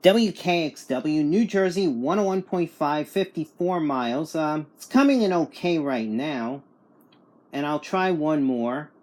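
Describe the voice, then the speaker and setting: A reviewer casually demonstrates a radio in a reception test, reading out station details such as call signs and distances in a matter-of-fact way. His voice is fairly high, animated, a little slow, and a little mellow.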